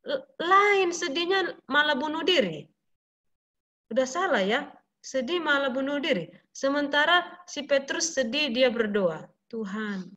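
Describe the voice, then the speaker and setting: A woman's voice: sits high, fairly bright tone. Earnest woman teaching. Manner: earnest, repeats key points, asks the listeners questions. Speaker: Bible teacher. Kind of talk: explaining a Bible verse. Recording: muffled lo-fi recording.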